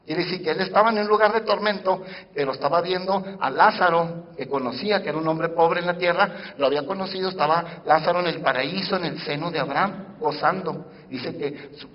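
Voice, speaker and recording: A man preaching a sermon to his congregation, swinging between loud emphasis and hushed asides and asking the church questions directly. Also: a little high. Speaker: pastor. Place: church sanctuary. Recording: muffled church sound with long reverb.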